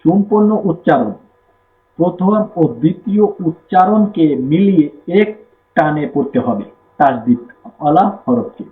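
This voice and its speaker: A man with a Bangladeshi Bengali accent teaching Quran reading, slowly repeating rules and asking and answering his own questions. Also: on the high side, expressive. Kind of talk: step-by-step lesson with spelled-out drills. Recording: echoey room, tinny phone-like sound, faint noise.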